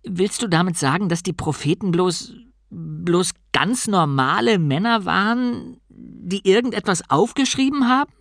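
A woman's voice: on the low side, expressive, a little slow, dry recording, clean studio sound. A woman voicing an earnest, naive young male novice monk who stammers when shocked, in an audiobook. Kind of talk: audiobook character voice.

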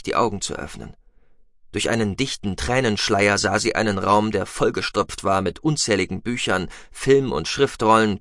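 Male sci-fi narrator, low and measured, dry studio read. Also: fairly bright tone, no echo. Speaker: audiobook narrator. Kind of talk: scripted science-fiction narration.

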